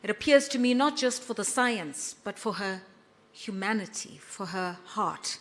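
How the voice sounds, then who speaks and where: A woman emceeing an awards ceremony, introducing guests with emphatic, drawn-out phrasing. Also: mid-range voice, animated, fairly bright tone. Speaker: master of ceremonies. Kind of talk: formal event hosting.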